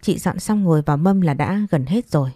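A woman narrates a story with a low, dark voice. She reads in a steady, unhurried manner. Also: dry recording, clean studio sound.

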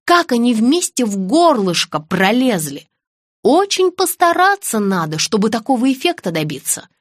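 A woman's voice: on the high side, very animated, normal speed, dry recording, clean studio sound. A woman reading an audiobook, voicing a wry man asking pointed questions. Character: dry wry man, Kostya.

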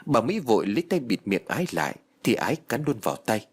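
Husky, expressive male audiobook narrator. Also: mid-range voice, fast talker. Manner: dramatic, expressive storytelling. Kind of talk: scripted narration of a ghost story.

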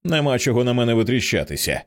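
A man reading the lines of a sharp-tongued young shop clerk in an audiobook, blunt and snappy. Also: mid-range voice, big pitch swings, fast.

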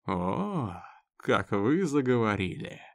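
A man's voice: medium pitch, big pitch swings, normal speed, darkish tone. A man doing a sly, taunting prisoner. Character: mocking, predatory male prisoner.

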